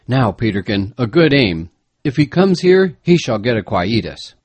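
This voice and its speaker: A man voicing a steady young hunter who speaks in a calm, measured way. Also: mid-range voice, husky, no room sound.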